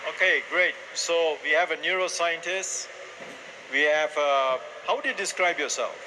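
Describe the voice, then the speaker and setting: A man moderating a live panel discussion, briskly summing up the guests' answers and posing questions. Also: on the high side, bright, forceful tone. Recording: noisy live event recording.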